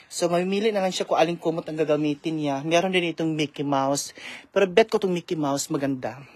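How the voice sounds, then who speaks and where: A woman vlogging in a casual live-stream chat, chatty, reading out viewer shout-outs and mixing in English. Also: low voice, fast talker. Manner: code-switches freely with English.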